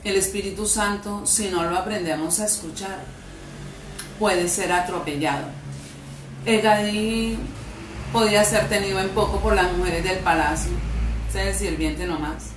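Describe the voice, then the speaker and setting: A woman's voice: mid-range voice, unhurried, distant mic, background noise. A woman with a Colombian accent preaching a fervent sermon to a congregation, with emphatic rises in her voice. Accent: Colombian Spanish. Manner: emphatic, rising to loud fervent peaks. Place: church hall. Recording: echoey hall, voice from off-mic.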